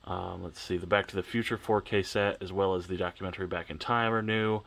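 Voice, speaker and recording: A collector vlogger, congested and sniffling, rambles offhandedly through a tour of his shelves at home, correcting himself as he goes. His gravelly voice is low-pitched yet fairly bright, steady in tone and fairly quick. A camera on a tripod records him.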